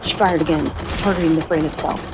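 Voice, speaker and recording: A woman's voice: low-pitched, fairly even intonation, fast, background noise. A woman narrating a horror audiobook with tense, dramatic storytelling. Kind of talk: scripted narration.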